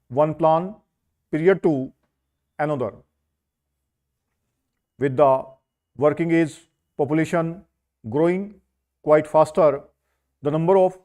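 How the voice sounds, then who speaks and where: A man reads a script as slow school dictation, in short measured phrases with pauses between them. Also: a little high, a little mellow. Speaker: dictation reader for a stenography skill test.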